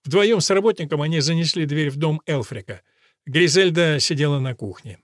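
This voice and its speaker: A man reading an audiobook in a steady, even storytelling manner. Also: fairly high pitch, moderate pace, no echo, clean studio sound. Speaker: audiobook narrator. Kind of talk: scripted audiobook narration.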